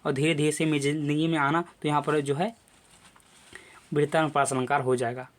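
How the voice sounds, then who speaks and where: A young man teaches a grammar lesson in a slightly high voice. He goes through each point step by step and keeps repeating his phrases and fillers as he explains. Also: little pitch movement, fairly quick. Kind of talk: classroom lecture video.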